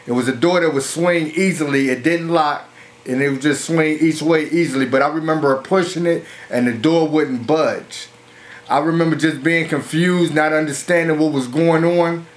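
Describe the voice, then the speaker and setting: A middle-aged man, telling his own life story in a slow, earnest way. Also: on the high side. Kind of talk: personal testimony.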